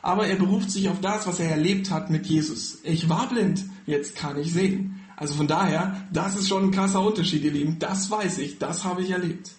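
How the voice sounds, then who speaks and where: A man's voice: high voice, moderate pace, hardly any pauses, darkish tone, reverberant. A man preaching a sermon on a Bible passage, earnest and personal, speaking directly to his listeners.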